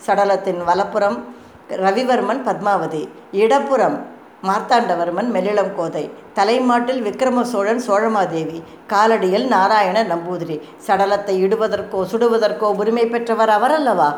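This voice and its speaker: A woman narrates a historical novel in a measured, dramatic reading voice. Her voice rings in an echoey room, with a faint hiss behind it. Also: medium pitch.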